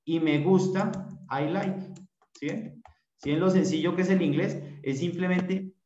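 A man teaching an English class over a video call, repeating short phrases slowly so the students can copy them. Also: sits high, steady tone, dark tone, a little hiss or hum. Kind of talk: virtual class instruction. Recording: echoey room, dull lo-fi sound.

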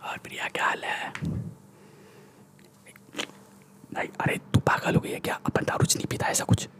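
Whispering close into a large desktop microphone in a small room, a young Indian-accented man performs an ASMR roleplay as a cocky, threatening street gangster. His voice is fairly quick, a bit bright and close to everyday, and he complains in bossy street slang.

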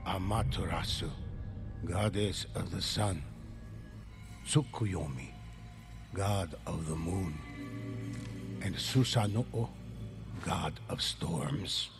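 An actor playing a grave storyteller in a video game, narrating legends in the dramatic, portentous style of a fighting game announcer. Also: male voice, deep voice, vocal fry, exaggerated voice. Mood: grave, ominous. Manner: slow, grave, portentous delivery. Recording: music behind the voice.

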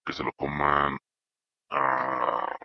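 A young channel host jokes, rambles, and tosses out silly insults while demoing a deep voice changer in a playful video. His voice has little pitch movement and vocal fry, and he talks extremely slowly. The highs are cut off.

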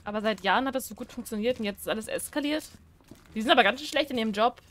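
A woman's voice: on the high side, rapid-fire, fairly bright tone. A woman giving casual let's-play commentary, chatty and jumpy, pleading and squealing when scared. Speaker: gaming streamer.

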